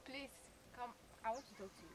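A woman's voice: on the high side, fast talker, close to an everyday voice. A young woman acting as a polite woman with a hurt leg who keeps asking for help and says please constantly. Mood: pleading. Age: young adult. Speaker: actor in a short film. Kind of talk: short-film drama acting. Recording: noisy outdoor recording. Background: clear background noise.

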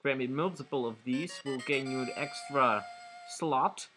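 A man's voice: mid-range voice, unhurried, music in the background. A man casually commenting while playing a video game, rambling and correcting himself as he goes. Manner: rambling, self-correcting, giggly asides. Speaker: let's play commentator.

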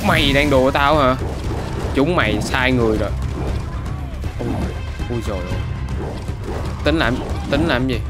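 A male gaming YouTuber in casual commentary, playful and boastful, tossing teasing trash talk at in-game characters. His pitch is mid-range, and clear background music plays throughout. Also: unhurried, pauses often.

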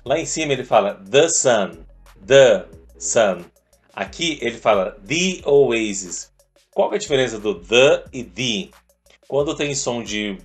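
A man teaches English through a rock song, explaining each line patiently in a voice of ordinary pitch. Now and then he stretches lyric lines out slowly as he sings them. Faint music plays behind him. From Brazil.

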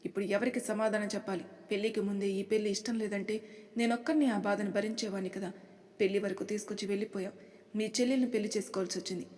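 A woman's voice: medium pitch, fairly even intonation, fast, darkish tone, in a large hall, close to an everyday voice. A woman voicing a stubborn young husband who talks firmly and defiantly. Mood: angry. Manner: firm, defiant.

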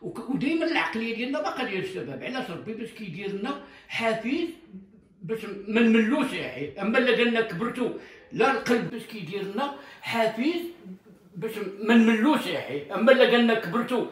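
A man's voice: very high-pitched, fast, far from the mic. A man with a Moroccan Arabic accent, joking and telling anecdotes in a casual chat. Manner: joking storyteller, lively. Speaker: guest. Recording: roomy, from the mic.

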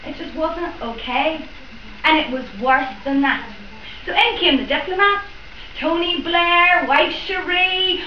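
A young Northern Irish woman with an extremely high voice performs spoken word poetry at a library event room, chatting and joking between rhyming verses after a playful introduction. The recording sounds roomy, distant and dull, with slight background noise.

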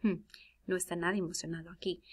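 A woman's voice: lowish voice, little pitch movement, fast, breathy edge. A woman teacher talking students through a lesson and acting out example sentences with big, exclaimed readings. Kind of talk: recorded classroom lesson.

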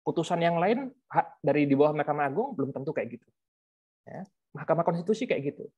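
Man, higher voice, guest speaker explaining on a webinar, chatty with fillers, dull lo-fi call sound. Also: expressive, fast, slightly rough. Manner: conversational, with frequent fillers and rhetorical tags. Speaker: guest speaker, researcher and author. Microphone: video call microphone.

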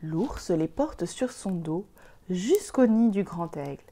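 Woman reading a kids story out loud, gentle clear storyteller, warm mellow voice. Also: lowish voice, lively intonation, takes it slowly. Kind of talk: children's story read aloud.

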